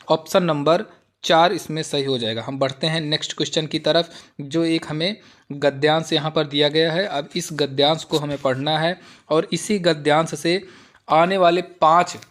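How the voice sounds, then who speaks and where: Male exam-prep tutor, fairly high voice, reads options slowly and explains plainly. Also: fairly bright tone. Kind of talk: Hindi exam-prep lesson with slow Sanskrit reading.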